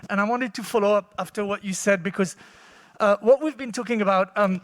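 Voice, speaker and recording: A man's voice: sits high, fairly quick. A man with a light, feminine-sounding voice talks conversationally to an audience through a handheld microphone in a conference hall. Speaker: teacher, conference participant. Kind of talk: impromptu conference talk to an audience. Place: large indoor conference hall.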